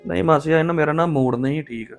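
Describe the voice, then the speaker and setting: Gravelly-voiced man, defensive and pleading. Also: fairly high pitch, fast talker, faint music behind. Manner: defensive, pleading, hot-tempered. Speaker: young father in a family drama skit. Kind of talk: scripted family drama acting.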